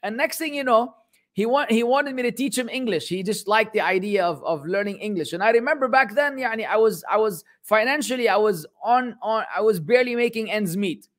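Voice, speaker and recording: A man from Lebanon, a religious teacher, telling a story in a casual, animated way and mixing in Arabic phrases. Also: high voice, a little fast.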